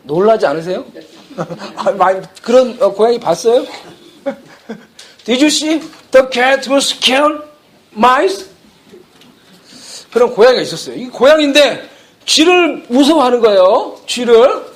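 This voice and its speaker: A man's voice: very high voice, expressive, slow, pauses often. A man preaching a sermon as pastor, telling a story playfully and laughing often.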